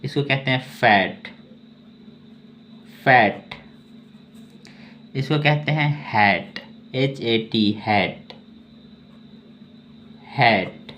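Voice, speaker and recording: A man's voice: mid-range voice, drawn-out words, pauses often, fairly bright tone. A man teaching English word reading, who spells each word letter by letter and repeats it. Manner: spells words letter by letter, then repeats them; often says "okay" between explanations. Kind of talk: slow spelling and reading lesson. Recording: dull, lo-fi sound with faint ambient noise.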